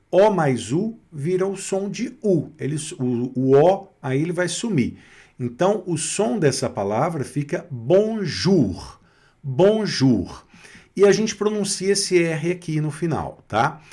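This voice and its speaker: A man's voice: medium pitch, darkish tone. A middle-aged Brazilian man leads a beginner language lesson in a mid-range voice. He is patient and methodical, repeating each word and often checking that his students are keeping up. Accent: Brazilian Portuguese. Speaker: French teacher.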